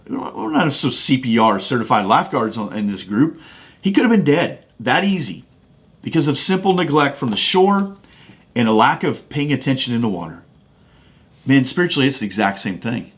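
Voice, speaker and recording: A man hosts a faith-based podcast, speaking into a studio microphone. He talks in a casual, folksy way, restarting phrases as he tells a personal story. His pitch sits in the usual middle range for a man. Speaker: podcast host.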